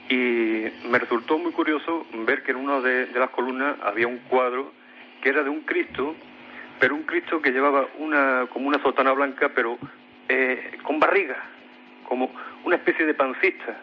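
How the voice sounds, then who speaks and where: A man's voice: mid-range voice, dull audio, slight background noise. A man with a Spain Spanish accent, a radio guest telling of a strange experience he lived through, hesitating often and repeating his words. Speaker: guest recounting a paranormal experience. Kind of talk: personal storytelling on a radio mystery show.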